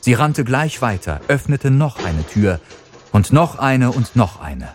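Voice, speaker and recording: A man narrating an audiobook in an expressive, dramatic way. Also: medium pitch, measured pace.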